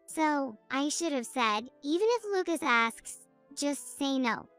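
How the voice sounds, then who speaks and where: Casting: woman doing a crying young girl, high, slow and smooth, guilt-ridden, for a storybook reading. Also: lively intonation, a bit bright, faint music behind, exaggerated voice. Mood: tearful, regretful. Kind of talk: scripted narration.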